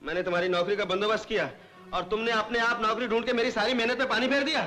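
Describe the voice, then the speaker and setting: A man's voice: high-pitched, fairly even intonation, fast, sharp tone. A sarcastic, sulky young man. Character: proud, sulking young man, stubborn. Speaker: hotel keeper, big brother. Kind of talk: 1970s Hindi film acting.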